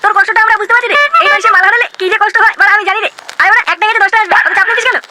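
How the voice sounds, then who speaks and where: A man's voice: very high voice, steady tone, very fast, heavy background noise. A man voicing the characters in a crude comic cartoon, slangy and swearing constantly. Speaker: cartoon narrator and voice of several characters.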